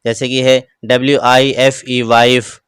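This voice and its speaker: Man, slow spelled-out pronunciation lesson, very clear voice, dry close sound. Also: mid-range voice, little pitch movement, fairly bright tone, no room sound. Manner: spells words letter by letter, then says them slowly. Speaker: English teacher.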